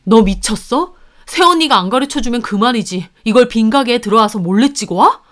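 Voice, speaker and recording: A woman's voice: fairly high pitch, slow, warm tone. A woman voicing a stern young husband who confronts his family in a narrated story.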